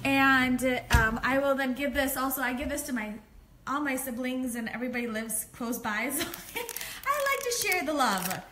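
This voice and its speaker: A woman's voice: sits high, expressive, normal speed, background noise. A woman in her thirties from the United States, a physician chatting casually on a live stream from her home kitchen, rambling with many ums and frequent laughs. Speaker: family physician and cooking vlogger. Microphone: phone held at arm's length.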